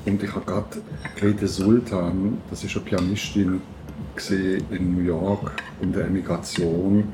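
Speaking in a low-pitched voice over a noisy background, a man from Switzerland reminisces casually as the interviewer in a conversation. Food is being served at the table, and dishes and cutlery clatter audibly throughout.

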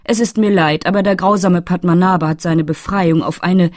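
Low-voiced coy fairy lady for a storybook, roundabout and teasing, read by a woman, dry recording. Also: fairly even intonation, normal speed, a little mellow, no echo, lightly acted. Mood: bashful. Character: flirtatious, coy female fairy, tipsy. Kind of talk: audiobook reading.

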